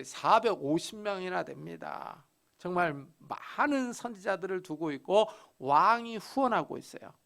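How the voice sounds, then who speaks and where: Gravelly high-voiced Korean pastor preaching. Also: male voice, a bit bright. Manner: storytelling, dramatic pauses and emphasis. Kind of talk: expository sermon.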